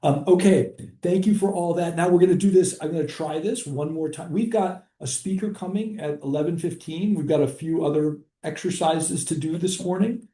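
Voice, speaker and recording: A man's voice: on the high side, normal speed, hardly any pauses, dark tone. A male professor in a classroom, casually telling a story with many fillers. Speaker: history professor. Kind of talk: classroom discussion. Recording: echoey classroom.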